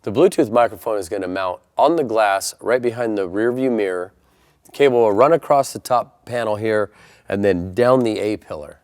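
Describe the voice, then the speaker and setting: A man with a lowish, slightly mellow voice presents an installation tutorial at a normal pace. He's methodical and plainspoken, covering each step in order.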